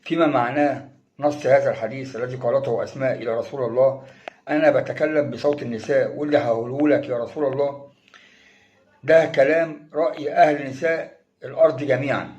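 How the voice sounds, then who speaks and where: A man's voice: medium pitch, fairly even intonation, fast, a little mellow. A man with an Egyptian Arabic accent giving an emphatic, exhorting colloquial sermon as a preacher. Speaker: religious preacher. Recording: dull lo-fi recording.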